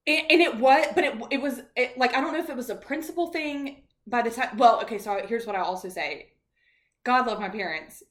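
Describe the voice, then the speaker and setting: A woman's voice: a little high, brisk. Self-mocking woman in her thirties. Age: 30s. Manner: self-mocking, laughs often. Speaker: podcast co-host. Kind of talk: casual chat.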